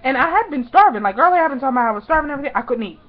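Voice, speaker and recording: A woman vlogger telling a personal story in an excited, gushing way, full of "like" and "y'all". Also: sits high, racing. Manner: gushing, breathless, lots of "like" and "y'all". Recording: dull lo-fi recording.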